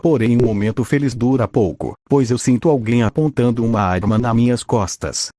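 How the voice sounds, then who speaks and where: Young male storyteller, mid-pitched, dry close mic, steady reading. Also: normal speed, no echo. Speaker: fanfiction reader. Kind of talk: first-person story narration.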